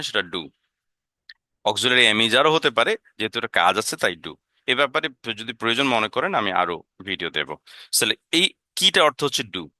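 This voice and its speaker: A man's voice: medium pitch, pushed and bright, no echo, clean studio sound. A man with a Bengali accent teaching an English lesson, explaining sentences step by step and asking his listeners to look again.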